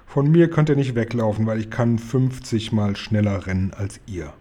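A man voicing a huge, blustering, cowardly man-eating giant who mangles his words, read from a storybook in a husky, dark voice. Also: normal speed, natural voice. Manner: booming, mangles words, wails in panic. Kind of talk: storybook reading aloud.

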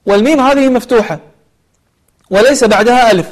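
A man with a strikingly high voice teaches a tajweed lesson. He explains patiently and repeats sounds to correct them. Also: quick pace. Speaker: Quran recitation teacher.

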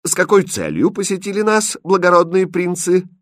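A pompous fairy-tale king with a lively, swinging delivery, speaking in a grand, regal manner. A man plays him while narrating, recorded dry and close. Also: high-pitched, moderate pace, dry recording, pitched above the performer's own voice. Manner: grand when formal, hushed when confiding.

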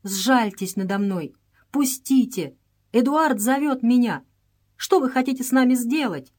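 A woman's voice: a little high, unhurried, darkish tone, pitched above the performer's own voice. A woman reading an audiobook voices a frightened young girl who pleads and cries out. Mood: terrified. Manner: pleading, crying out in terror.

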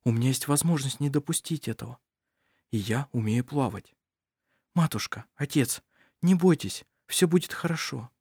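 A strong-willed young daughter speaks low and steady, raised a little above the reader's own pitch, as a man reads her out. Her hushed tone stays calm and firm in a dry, close storybook recording. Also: moderate pace, no room sound. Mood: calm resolve.

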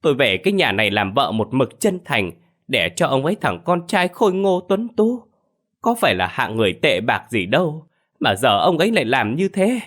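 A man voicing a middle-aged village wife who wails and scolds her husband loudly. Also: medium pitch, very animated, normal speed, voice pushed up. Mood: wailing. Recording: faint background music.

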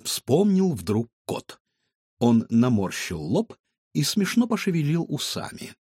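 A man narrating a children's audiobook in an expressive storytelling manner. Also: fairly high pitch, slow pace, breathy edge, dry recording, studio quality.

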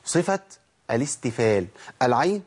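A man's voice: mid-range voice, very animated, moderate pace, slightly rough. A man with an Egyptian accent teaching a tajweed lesson, asking questions and answering them himself while demonstrating letter sounds. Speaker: Quran recitation teacher.

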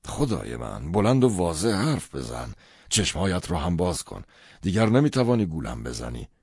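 A man voicing a wealthy older father in an audiobook, speaking loudly and emphatically, with a halting delivery. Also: a bass voice, very animated, vocal fry, slightly rough, no room sound, clean studio sound, heavily acted. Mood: stern. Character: wealthy older father, stern then anxious. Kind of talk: audiobook reading.

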